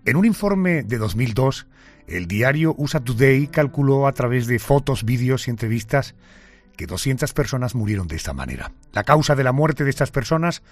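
A man hosting a broadcast interview and narrating in a measured presenter's way. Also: medium pitch, very animated, soft background music.

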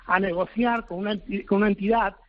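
A government official answering interview questions, a man who talks haltingly and searches for his words. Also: high voice, fairly even intonation, a little hiss or hum. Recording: dull lo-fi recording.

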